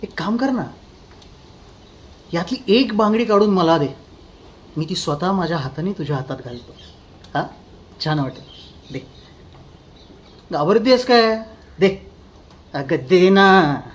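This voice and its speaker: A man playing a controlling, cruel husband, speaking with soft, taunting menace that turns to sharp outbursts. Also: high voice, animated, takes it slowly, long pauses. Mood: cold, taunting. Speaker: actor in an audition. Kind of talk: dramatic monologue.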